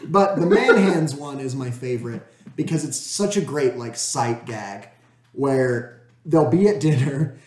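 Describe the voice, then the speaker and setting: Animated man retelling scenes, echoey room. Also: medium pitch, measured pace. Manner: animated retelling, laughs often, acts out quotes. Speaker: podcast co-host. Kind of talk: casual chat.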